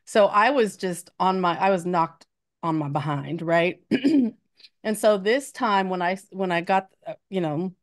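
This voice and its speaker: A woman's voice: fairly low pitch, unhurried. Chatty woman teacher getting over a cold. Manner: chatty storyteller, laughs often. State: recovering from illness. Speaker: math educator, co-host. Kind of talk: casual podcast chat.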